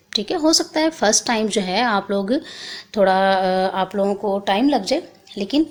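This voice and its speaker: A woman from Pakistan teaching a primary school language lesson, explaining each exercise patiently step by step, checking in often, and reading word lists slowly and clearly. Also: medium pitch. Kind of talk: recorded class lesson.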